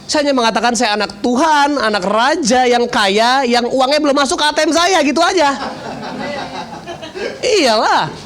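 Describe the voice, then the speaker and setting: A male pastor preaching in a lively storytelling way, joking and poking fun at himself. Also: very high-pitched, normal speed. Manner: lively, joking, self-mocking. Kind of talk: storytelling sermon.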